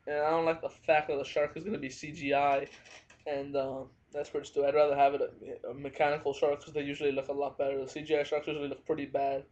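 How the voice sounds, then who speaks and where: Guy rambling through a movie review at home, lots of ums, kinda flat tone, dull lo-fi sound. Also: fairly high pitch, fast. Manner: hesitant, frequent fillers and hedging. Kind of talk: casual spoken review. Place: at home, family nearby.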